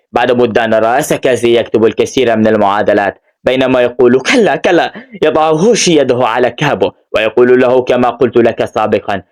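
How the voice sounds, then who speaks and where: A man narrates an anime story recap at a rapid clip, his voice sitting in a middle pitch. He reads from a script in a brisk storytelling manner and delivers the characters' lines in his own voice, without putting on other voices. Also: darkish tone.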